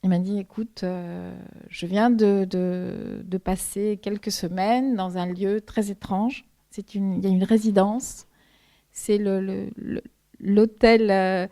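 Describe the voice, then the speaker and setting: A woman's voice: mid-range voice, fairly even intonation, measured pace, warm tone. Woman author from Argentina, native Spanish speaker, hesitant bookshop-talk answers, full of restarts. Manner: hesitant, many repeated words and restarts.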